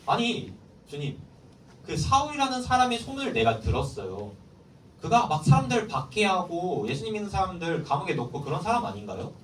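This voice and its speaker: A man's voice: sits high, wildly swooping pitch, fairly quick, slight background noise, pitched above the performer's own voice. A man voicing an alarmed, doubting man who protests a command, during a youth sermon. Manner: startled, protesting. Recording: roomy hall, mic far off.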